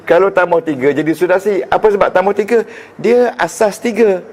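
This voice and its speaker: In a lecture room full of students, a religious teacher with a Malaysian Malay accent runs through Arabic grammar, quizzing and joking along the way. His voice is high, brisk and somewhat dark.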